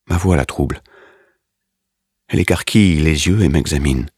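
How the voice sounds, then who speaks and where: A man narrates a dramatic story in the first person, grave and measured. His voice is extremely low and husky, recorded dry and close. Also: no room sound. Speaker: audiobook narrator.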